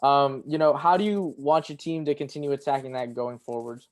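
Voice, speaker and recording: A man's voice: mid-range voice, fairly quick. Casual male sports reporter asking a question. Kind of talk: press conference question.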